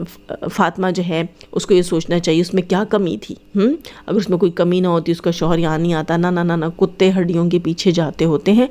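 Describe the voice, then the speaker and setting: A woman rants in a heated, taunting commentary. Her voice sits fairly low and sounds dark and mellow. She scolds her targets head-on, as if they were in front of her. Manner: scolding, taunting, addresses rivals directly. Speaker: vlogger commenting on other vloggers.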